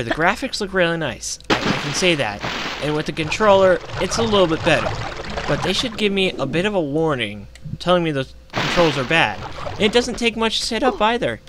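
Through a gaming headset with slight background noise, a man with a high-ish, somewhat bright voice rants casually over a game. This gaming vlogger swears a lot and mentions that his voice is going.

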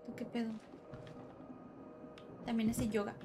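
A woman's voice: on the high side, level tone, slow, noisy background. A woman with a Mexican accent giving nervous, jumpy commentary while playing a horror game live and talking to her viewers.

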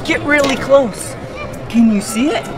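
A man hosting a children's show, talking in simple, exclamatory, excited phrases full of wide-eyed wonder. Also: extremely high pitch, a little slow, background noise. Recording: loud music behind the voice.

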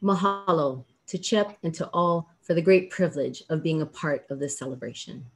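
A middle-aged woman from Hawaii, a law professor giving a formal commencement speech over a video call, earnest and measured with emphatic pauses. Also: deep voice. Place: indoors, small room with plain backdrop.

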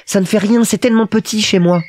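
A man voicing a small, earnest and curious boy prince in an audiobook, speaking high and insistently. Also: steady tone, quick pace, a little mellow, lightly acted. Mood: wondering.

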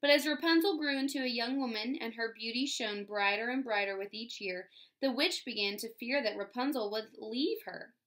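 Reading a fairy tale to her young pupils, this first-grade teacher stops now and then to explain words and quiz the class. She speaks at a moderate pace in a fairly high, fairly bright voice.

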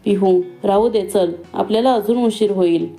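A woman voicing a young female college student who talks in a quick, teasing and pointed way. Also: medium pitch, dark tone, soft background music, natural voice. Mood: spirited.

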